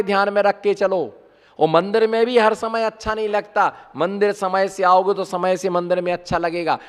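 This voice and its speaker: A man's voice: high voice, clean tone. A man, a Jain monk, giving a conversational sermon full of rhetorical questions to his listeners. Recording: long hall reverb.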